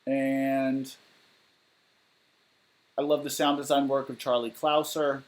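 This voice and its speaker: This musician, a Southern California man in his thirties, rambles through a casual livestream, answering viewer questions candidly and plainly with plenty of fillers. His medium-pitched voice barely moves in pitch, and his pace is slow. The poor-quality sound is picked up by a laptop or webcam mic on a desk in his living room.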